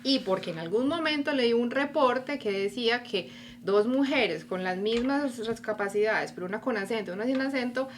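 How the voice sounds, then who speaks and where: A woman's voice: on the high side, normal speed, slight background noise. A woman from Colombia with a Colombian accent, a podcast guest telling her life story animatedly and acting out her own inner voice. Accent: Colombian Spanish. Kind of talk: casual interview conversation.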